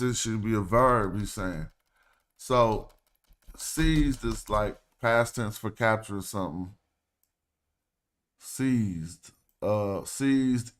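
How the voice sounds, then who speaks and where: A man hosting a casual livestream, talking loosely and thinking aloud as he walks through ancient Egyptian words. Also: medium pitch. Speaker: host. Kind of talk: casual livestream walkthrough of hieroglyph texts.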